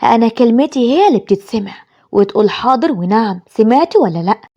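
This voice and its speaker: A woman with an Egyptian accent voicing a cruel, scolding older mother who shouts orders at her son. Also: a little high, animated, fast, highs cut off. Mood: harsh. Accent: Egyptian Arabic.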